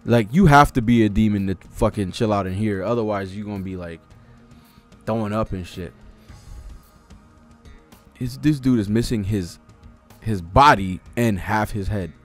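This young adult American speaks in a lower register at a moderate pace, pausing often as he riffs expressively through slangy, profane manga reactions. His desktop mic sits close in front of him in a cluttered home room, and soft music plays underneath.

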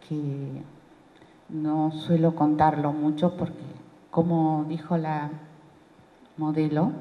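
Low, slow Argentine woman in a hall. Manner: hesitant, halting confession. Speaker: audience member asking a question. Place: large school hall. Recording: dull, echoey hall sound.

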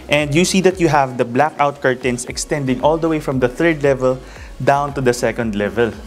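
A man in his thirties, a real estate broker, giving a polished walking house tour of a townhouse, pointing out features room by room. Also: medium pitch. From Philippines. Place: bright empty townhouse rooms indoors.

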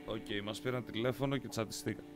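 A man's voice: fairly low pitch, fairly even intonation. Greek man streaming a game, music behind. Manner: reads game dialogue aloud in English, muttering asides. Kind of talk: casual let's-play commentary. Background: guitar music from the game.

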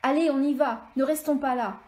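A woman's voice: sits high, normal speed, mellow, lightly acted. A woman reading aloud and voicing a stern, terse male rebel leader from her novel, in clipped orders. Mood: curt. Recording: echoey room.

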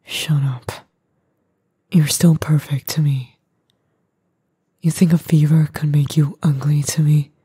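A woman voicing an edgy young boyfriend, gruff but tender and worried, in a breathy, husky, halting whispered role-play. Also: deep voice, steady tone, warm tone, dry recording, exaggerated voice. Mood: gruffly affectionate.

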